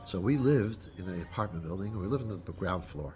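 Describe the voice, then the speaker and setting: A man speaking as a rabbi gives an unscripted holiday talk to his congregation in a low, warm voice with lively intonation. He halts often, restarting and using fillers. Faint music plays behind him.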